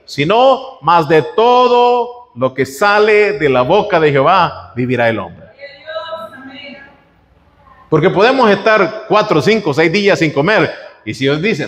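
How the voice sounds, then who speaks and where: Male preacher, a bit high-pitched, very lively delivery, church hall with long reverb; asks the congregation questions. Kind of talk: sermon.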